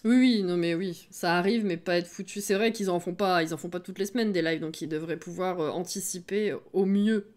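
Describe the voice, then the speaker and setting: A woman's voice: on the low side, fairly quick, hardly any pauses, a little mellow. A woman streamer in casual chat with her viewers, laughing often and greeting people as they come in.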